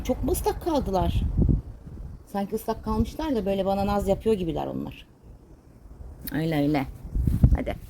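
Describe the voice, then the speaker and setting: Speaking at a fairly high pitch over a noisy background, this woman from Turkey vlogs her chores at home and in the garden. She chats easily with her audience as well as her animals and plants.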